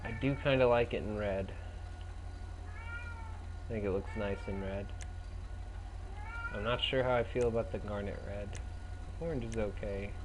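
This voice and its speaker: A man's voice: lowish voice, fairly even intonation, moderate pace, pauses often. A young man giving casual, rambling, slangy and profane commentary while playing a video game. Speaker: gaming commentator. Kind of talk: casual let's play commentary. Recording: clearly noisy, game engine sounds behind.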